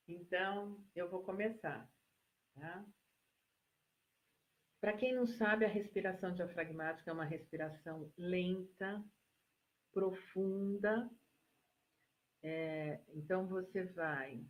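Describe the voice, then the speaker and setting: A Brazilian woman who works as a psychologist, giving a live-stream relaxation lesson and talking listeners through slow breathing in a soothing way. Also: mid-range voice. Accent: Brazilian Portuguese. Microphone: phone or laptop mic for a live stream.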